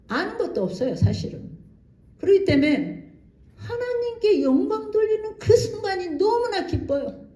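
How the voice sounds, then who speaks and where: In a church hall with a noticeable echo, a missionary woman tells stories animatedly during a special lecture, voicing the quoted lines dramatically. She has a high-pitched, warm voice.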